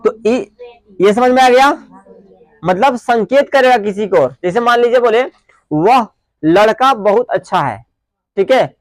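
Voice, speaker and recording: Animated and high-voiced, a male grammar teacher gives a classroom lesson in studio quality with no echo. Blending Hindi and English, he answers his own questions and dictates definitions slowly word by word.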